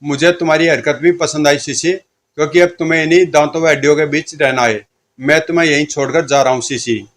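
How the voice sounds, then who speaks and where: A man's voice: a little high, fairly even intonation, a little fast, lightly acted. A man voicing a greedy, boastful male villain chief who mocks his enemies. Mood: gloating. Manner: boastful, mocking laugh.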